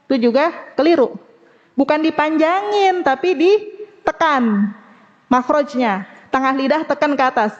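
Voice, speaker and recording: A woman from Indonesia teaching Quran recitation in a study class, explaining fast and then sounding out Arabic letters slowly. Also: high voice, animated, in a large hall, highs cut off.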